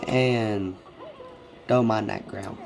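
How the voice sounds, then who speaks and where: A man's voice: fairly low pitch, fairly even intonation, drawn-out words, creaky, crowd noise. A man who is sick with a stuffed, congested nose gives a casual, hesitant, rambling walkthrough of a video game. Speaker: gamer giving a video game tour.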